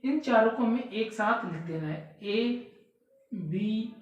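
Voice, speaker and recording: A woman's voice: a little high, animated, moderate pace, lo-fi sound. A woman teaching an exam prep lesson, explaining step by step, repeating key words and asking rhetorical questions. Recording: echoey room, voice far from the mic.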